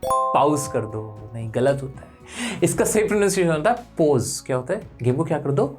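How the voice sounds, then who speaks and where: A woman's voice: low voice, expressive, fast talker, warm tone, soft background music. Woman teacher quizzing pronunciation. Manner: quizzing the viewer, then correcting with repeated "no, no, no". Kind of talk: pronunciation lesson.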